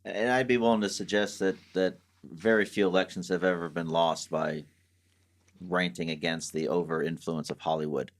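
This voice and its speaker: A man's voice: low voice, steady tone, normal speed. A man speaking as a panel guest on a podcast, telling long stories with many restarts and asides. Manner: rambling storyteller, lots of restarts and asides. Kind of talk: casual panel discussion.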